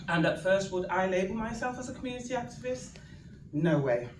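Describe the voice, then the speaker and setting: A Mancunian woman in her fifties, a community activist from Manchester, England, speaks as a guest at an event before an audience, telling her story chattily and humorously with frequent laughter. Her medium-pitched voice is expressive at normal speed, recorded on a distant mic in an echoey room with ambience and a noisy background.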